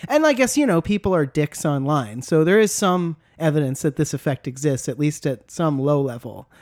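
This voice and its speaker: A man's voice: a little high, animated, normal speed, darkish tone, no echo, studio quality. A man in a casual podcast discussion, hesitant and a little skeptical, trailing off as he thinks. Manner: hesitant, skeptical, laughs easily.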